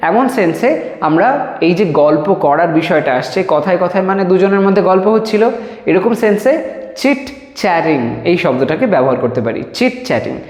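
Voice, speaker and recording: A man teaching a spoken English lesson, explaining each sentence, then reading the examples out slowly and drawing them out. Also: high voice, animated. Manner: slow, drawn-out dictation of example sentences. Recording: echoey room with long reverb.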